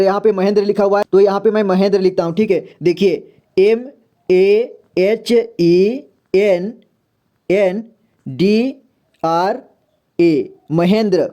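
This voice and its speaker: A man with a Hindi accent teaching a slow, step-by-step spelling lesson and often checking in with the listener. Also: high-pitched, warm tone. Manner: slow and repetitive, often says "theek hai". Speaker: English reading teacher.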